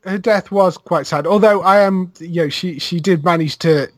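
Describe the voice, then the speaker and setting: Man with a slightly high voice, affirming casually. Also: moderate pace, dry recording. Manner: affirming with frequent "yeah", lists facts at length. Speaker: podcast co-host. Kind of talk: casual chat reviewing a TV series.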